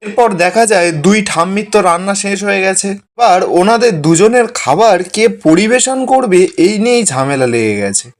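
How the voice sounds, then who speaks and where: A man narrating a recap of a TV serial episode in a steady storytelling manner, reading out the characters' lines plainly. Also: high-pitched, moderate pace, few pauses.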